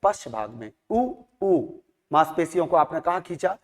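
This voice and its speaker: A man's voice: fairly high pitch, lively intonation, quick pace. A man teaching a lesson, repeating sounds aloud and asking questions he then answers himself. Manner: drills sounds by repetition, asks and answers own questions. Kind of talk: classroom lecture. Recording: long hall reverb.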